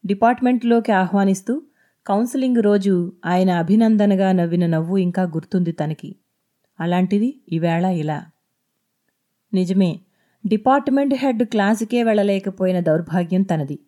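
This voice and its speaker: Mellow-voiced woman reading her novel aloud. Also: medium pitch. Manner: steady, measured storytelling. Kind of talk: audiobook narration. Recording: echoey intro over music.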